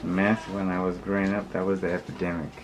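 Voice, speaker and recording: This noisy recording, full of background ambience, captures a male vlogger giving his viewers a casual opinion monologue. His voice is low and monotone, and he wanders through his views in blunt street slang, stopping and starting, circling back, and saying the same things again.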